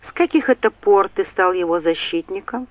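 A woman reading an audiobook, voicing a sardonic, quick-tempered young man who snaps scornfully. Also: medium pitch, animated, no echo, highs cut off, close to an everyday voice. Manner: scornful, snapping.

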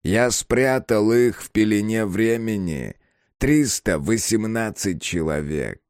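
A man's voice: lowish voice, a little mellow, dry recording, studio quality. A man voicing a fanatical old male prison warden who preaches sanctimoniously and rises to shrieks, in an audiobook reading.

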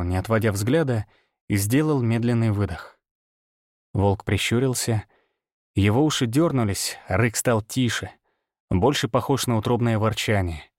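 A man narrating a fantasy audiobook in the first person, steady and measured. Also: mid-range voice, no room sound, studio quality.

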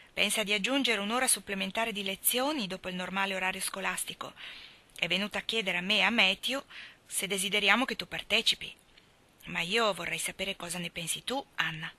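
A woman voicing a stern, practical older woman raising an orphan girl, speaking in a dry, firm and measured way, in an audiobook reading. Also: mid-range voice, sharp tone.

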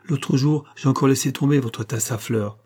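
Guy voicing a shy orphan page boy near tears, humble and pleading, dark husky tone. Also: medium pitch, moderate pace, lightly acted. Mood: humble, sad. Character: devoted orphan boy servant, timid and tearful.

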